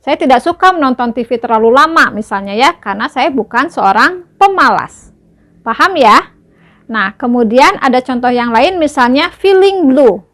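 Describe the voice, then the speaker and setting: A woman's voice: high voice, expressive, moderate pace, fairly bright tone. A young woman teacher explaining an English lesson patiently, often checking that listeners follow. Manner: patient, checks understanding with tag questions.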